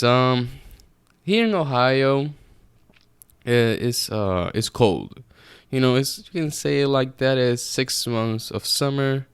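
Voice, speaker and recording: A Puerto Rican man hosts a solo podcast from his apartment room, rambling casually and swearing freely. His mid-range voice is creaky yet clear and resonant, with no room sound.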